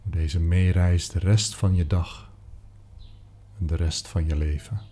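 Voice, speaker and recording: A man guiding a meditation, speaking softly and soothingly, sometimes dropping into a whisper. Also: deep voice, fairly even intonation. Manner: slow, soft-spoken, soothing, with whispered phrases. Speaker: meditation guide. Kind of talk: guided meditation. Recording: soft music behind.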